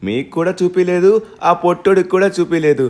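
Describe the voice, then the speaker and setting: A hard-working young hero narrates to viewers in a game role-play dub, voiced by a man. He speaks in a fairly high register and flares up quickly when crossed. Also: a little mellow, natural voice. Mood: calm. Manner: talks straight to viewers, quick to anger. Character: hard-working young man defending his tree house. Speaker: main character and narrator.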